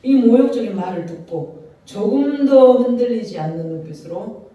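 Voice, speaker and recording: A man's voice: high voice, lively intonation, moderate pace, dark tone, lo-fi sound. A man preaching a passionate sermon as pastor, acting out the lines of biblical figures. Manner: impassioned preaching that acts out biblical speakers. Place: church sanctuary. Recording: very echoey church hall from a distant mic.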